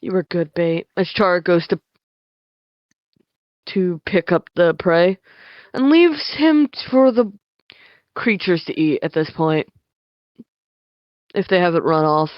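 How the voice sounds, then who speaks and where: A woman playing a tabletop game, narrating her character's actions in halting bursts in casual role-play. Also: lowish voice, animated, no room sound. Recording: dull lo-fi stream mic.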